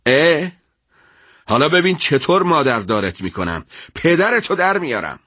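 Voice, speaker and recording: A furious prison major barks threats at a prisoner, as a man puts him on for a radio story. His voice jumps higher and louder than the narration around it. The sound is dry and close. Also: animated, no room sound. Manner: shouting, bullying, then coaxing.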